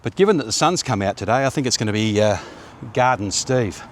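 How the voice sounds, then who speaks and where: An Australian man in his fifties talks a little fast in a fairly low voice with lively intonation, rambling with many fillers. He's vlogging on a sunny, quiet suburban street with a phone or action camera at arm's length, and there's slight background noise.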